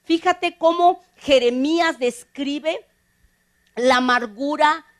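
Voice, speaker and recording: A woman pastor with a Mexican Spanish accent preaching a sermon to women, emphatic and full of rhetorical questions, dropping now and then to soft near-whispers. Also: high-pitched, slow. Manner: emphatic, swinging between loud urging and soft near-whispers; asks frequent rhetorical questions.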